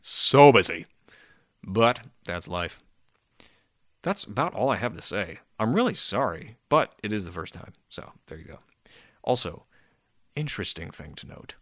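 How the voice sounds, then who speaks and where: Deep, gravelly, tired man. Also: very animated, normal speed, a bit bright, no echo, clean studio sound. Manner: rambling, self-deprecating, swears casually. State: very tired, sleepy. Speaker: podcast host. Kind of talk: casual solo podcast chat.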